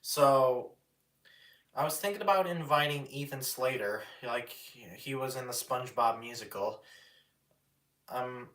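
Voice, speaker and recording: Slow, halting man on a live stream. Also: mid-range voice, fairly bright tone. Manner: halting, many restarts and fillers. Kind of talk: rambling casual live stream chat. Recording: roomy echo, mic at a distance.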